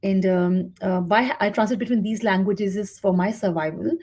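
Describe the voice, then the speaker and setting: This middle-aged Indian woman, a Hindi-speaking writer and translator appearing as a guest, has a mellow, husky, medium-pitched voice. Answering interview questions conversationally, she sounds thoughtful and halting, often using fillers and starting over.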